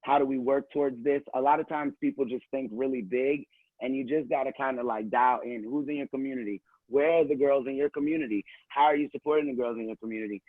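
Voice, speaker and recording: Nervous, earnest man on a call, mid-pitched, tinny and dry audio. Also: no room sound. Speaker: communications director. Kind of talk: casual online panel talk. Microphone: video call.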